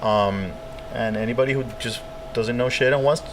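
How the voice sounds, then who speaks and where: A man's voice: mid-range voice, moderate pace, background noise. A man hosting a casual podcast interview, rambling with frequent restarts and "you know". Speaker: podcast host. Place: nightclub.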